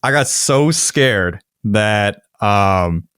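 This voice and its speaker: A man's voice: lowish voice, drawn-out words, smooth, dry recording, studio quality. A young man co-hosting a podcast, telling stories in casual chat and laughing often. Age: young adult. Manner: laughs often, animated storytelling. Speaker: podcast co-host.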